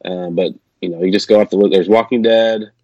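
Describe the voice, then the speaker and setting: A male podcast host with a low, steady, warm voice speaks briskly in a casual chat from a makeshift travel setup at a conference. His manner is easygoing and chatty, with plenty of fillers and restarts. There's no echo, but the dull, dry lo-fi recording makes him sound slightly robotic and metallic.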